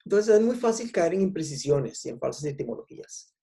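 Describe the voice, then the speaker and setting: Costa rican guy giving a talk, gravelly dark voice, lots of eh pauses. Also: a little high, very animated. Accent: Costa Rican Spanish. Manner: unhurried, explanatory, frequent "eh" pauses. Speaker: lecturer. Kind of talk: public talk on language history.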